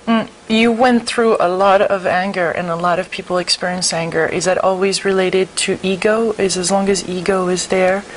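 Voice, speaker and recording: A woman interviewer asking brief questions and murmuring softly in agreement. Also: lowish voice, fairly even intonation, normal speed, hardly any pauses, slight background noise, poor audio. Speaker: interviewer, host. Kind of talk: interview questions and listening backchannels.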